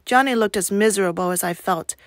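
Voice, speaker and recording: A woman, a teacher, reading a novel aloud in a steady, even narration. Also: medium pitch, a little fast, no room sound, studio quality.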